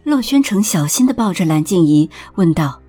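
A woman narrating a palace drama audiobook in a steady, expressive storytelling voice. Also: lowish voice, normal speed, slightly rough, soft background music.

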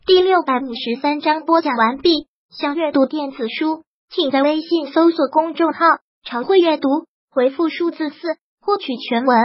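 A woman narrating a serial novel chapter as an audiobook, in a steady storytelling manner. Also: high-pitched, moderate pace, hardly any pauses, no echo, highs cut off.

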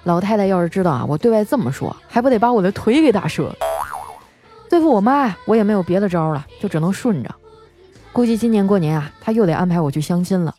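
Mellow-voiced woman telling funny stories. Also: mid-range voice, expressive. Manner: chatty, with frequent drawn-out particles and laughs. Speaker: radio host. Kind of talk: comic storytelling monologue. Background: faint background music.

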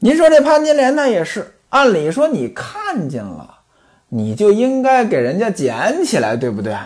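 A man's voice: high voice, huge pitch swings, moderate pace. A man narrating in the traditional storytelling style, with chatty asides to the listener and a playful, knowing tone.

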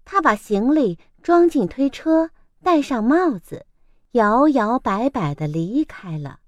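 A woman reads a children's picture book in a high, lively voice, taking it slowly and expressively. Her delivery is gently dramatic, and the close recording sounds dry. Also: no echo. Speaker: storyteller.

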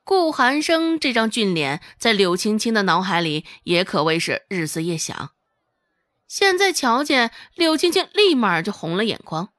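A woman narrating a serialized novel in an expressive storytelling manner. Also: medium pitch, moderate pace, no room sound, studio quality. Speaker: audiobook narrator.

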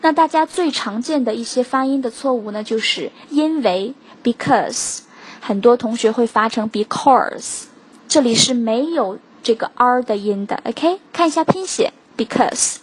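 A woman teaches pronunciation in a recorded lesson. Her voice sits a little high and sounds breathy and soft-edged. She moves briskly through explanations and drags out each example word slowly to show how it is said. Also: animated. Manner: brisk, drawn-out slow demonstrations of words.

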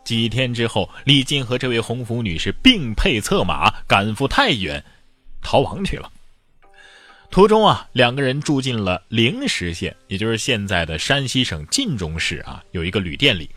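Guy telling an old story, husky bright voice, swings up and down a lot, chatty asides. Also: mid-range voice, normal speed, no room sound, faint music behind. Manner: lively colloquial narration with playful asides. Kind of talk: animated oral storytelling.

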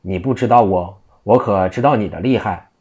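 Guy playing a scruffy old monk, cheeky and mocking, lowish voice. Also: normal speed, darkish tone, breathy edge. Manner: teasing, cheeky banter.

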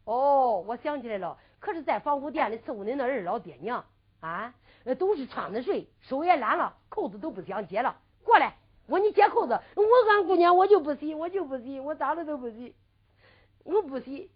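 A sly young man in disguise, put on by a woman storyteller, grumbling under his breath and whining his stubborn refusals. The voice sits high and swoops lively. The old recording sounds dull and lo-fi. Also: fairly quick. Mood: stubborn pleading. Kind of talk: traditional storytelling with sung ballad.

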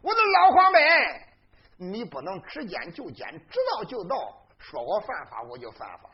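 A polite but sharp-tongued young hero presses his case in a stream of pointed questions, as a storyteller acts him out. His high voice swings lively and wide, and the is plain. The recording is dull and lo-fi. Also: moderate pace, exaggerated voice. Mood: indignant.

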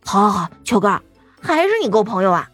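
Fawning, begging male cat for an audiobook, woman reading; lively pitch, dry booth sound. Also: brisk, breathy edge, no echo, soft background music. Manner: pleading, fawning. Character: wheedling male talking cat craving beer. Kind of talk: audiobook role-play.

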